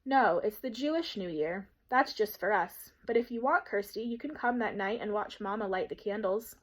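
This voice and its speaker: A woman's voice: medium pitch, lively intonation, moderate pace, close to an everyday voice. A woman voicing a kind, sensible young girl in a storybook reading, in a reasonable, coaxing way. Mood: matter-of-fact.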